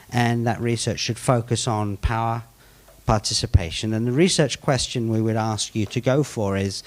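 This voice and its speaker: A man with a British accent presenting his group's proposal at a conference, with teasing humor before getting practical. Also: mid-range voice. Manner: jokey, teasing, then practical.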